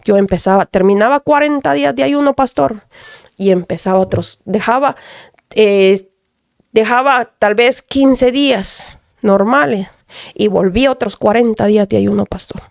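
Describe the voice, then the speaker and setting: A woman's voice: mid-range voice, creaky, no echo. Mom giving her testimony, earnest, keeps saying pastor, dry close sound. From Dominican Republic. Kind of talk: radio testimony.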